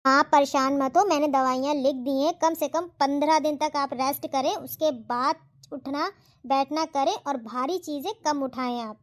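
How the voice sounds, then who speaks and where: Woman playing a calm cartoon doctor, gives instructions, squeaky high voice. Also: normal speed, lightly acted. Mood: reassuring. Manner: reassuring, instructive. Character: calm professional male doctor, middle-aged. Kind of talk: cartoon voice acting.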